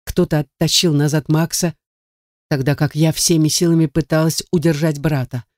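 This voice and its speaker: A man's voice: fairly high pitch, fairly even intonation, moderate pace, a little mellow, dry recording, clean studio sound. A man narrating a first-person novel in a tense, dramatic reading. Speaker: audiobook narrator.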